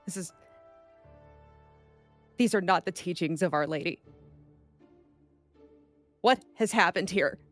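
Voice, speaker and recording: A player voicing a woman cleric who has been away a long time, speaking haltingly with many restarts. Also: mid-range voice, fairly bright tone, faint music behind. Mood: troubled. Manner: halting, repeats words. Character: woman, a worried cleric returned from long absence.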